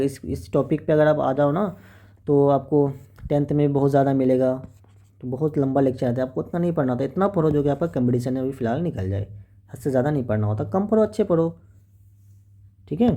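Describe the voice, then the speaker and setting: A man's voice: mid-range voice, mellow. A man teaching an exam-prep lesson, working through questions in a chatty, coaxing way and often checking with the class.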